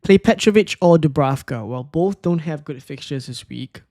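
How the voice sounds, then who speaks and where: A man's voice: a little high, animated, normal speed, dark tone, no room sound, clean studio sound. A man from Singapore, casually talking through his picks and answering chat questions on a live stream, thinking aloud with fillers and restarts. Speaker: fantasy football streamer.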